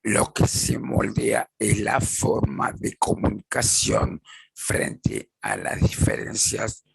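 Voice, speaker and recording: Slow, gravelly, husky-voiced man. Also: lowish voice, big pitch swings, no room sound, rough recording. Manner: measured, repetitive, acts out example phrases. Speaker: lecturer. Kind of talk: slow explanatory lecture with acted examples.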